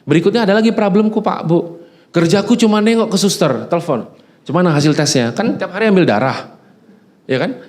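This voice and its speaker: A middle-aged male pastor preaching a lively sermon, swinging from quiet musing to loud urging and acting out chatty dialogues. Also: a little fast. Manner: animated, swings from low musing to loud exhortation; acts out dialogues with God in a chatty tone.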